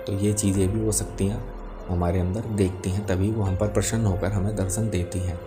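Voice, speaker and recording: A man speaking as a spiritual teacher, explaining devotional matters to viewers in a calm, gentle and patient way. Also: low voice, brisk. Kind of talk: spoken religious explainer to viewers. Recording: music behind the voice. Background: music.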